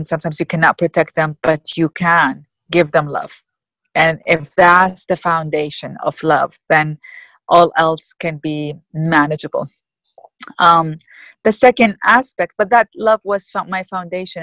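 A woman in her fifties from Iraq, answering interview questions thoughtfully with many pauses and fillers. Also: fairly low pitch, a bit bright, no room sound, poor audio. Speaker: guest.

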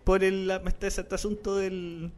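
A Chilean man co-hosting a comedy podcast, telling rambling stories in a casual, animated way. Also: high-pitched, unhurried. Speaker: podcast co-host.

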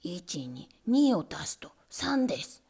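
A woman voicing a nervous, pompous little male rat teacher in a storybook, speaking low, slow and stammering. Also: very animated, a little mellow, husky, heavily acted. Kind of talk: storybook reading.

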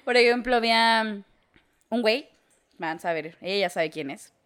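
A woman's voice: on the high side, moderate pace, fairly bright tone, smooth. A young Mexican woman co-hosting a podcast, speaking frankly with salty slang and laughing through her stories. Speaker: podcast co-host. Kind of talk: casual chat.

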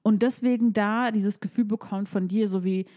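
A woman in a casual podcast chat, reacting with quick comments and explaining her view. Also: mid-range voice, steady tone, warm tone. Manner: chatty, reacts with short backchannels and quick comments.

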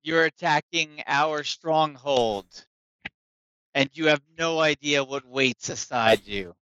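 Man putting on a gravelly, sly, defiant hobgoblin. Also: a little high, takes it slowly, sharp tone, no room sound, dull audio. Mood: defiant sneer. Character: wounded defiant sly male hobgoblin prisoner, sneering at captors.

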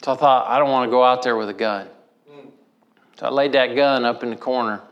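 A man from Missouri gives a sermon as a folksy personal story. He speaks with a mid-range pitch and leans on rural turns of phrase. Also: fairly even intonation, fairly quick, lo-fi sound. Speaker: preacher.

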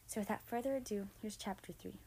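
Mellow-voiced woman reading a story. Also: mid-range voice, quick pace, gravelly, slightly rough, rough recording. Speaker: audiobook narrator. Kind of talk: scripted story narration.

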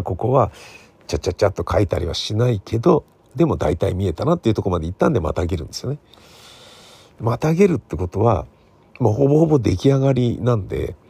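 In a dry smartphone recording, a middle-aged man who hosts podcasts and writes radio drama talks on his own. His voice is lowish, creaky and slightly rough. He rambles in a casual, conversational way, looking for agreement with soft endings to his sentences.

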